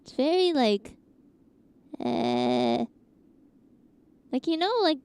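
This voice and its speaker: Slow, giggly woman with morning voice. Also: high voice, wildly swooping pitch, a little mellow, clean tone. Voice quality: rambling, giggly, lots of fillers. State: scratchy morning voice. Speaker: streamer. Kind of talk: casual chat.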